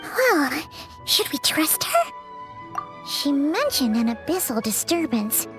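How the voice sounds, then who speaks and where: A tiny fairy companion with an extremely high, squeaky child's pitch. The delivery is chirpy, fretful and animated, swinging up and down. Music plays behind this anime game character. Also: female voice, takes it slowly, exaggerated voice. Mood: worried. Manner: refers to self in third person, chirpy. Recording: background music.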